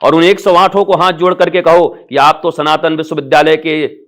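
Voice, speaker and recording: A man's voice: a little high, flat delivery, moderate pace. A middle-aged man, a spiritual teacher, giving an impassioned devotional discourse full of rhetorical calls to his listeners. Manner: impassioned, rising to emphatic peaks then softening.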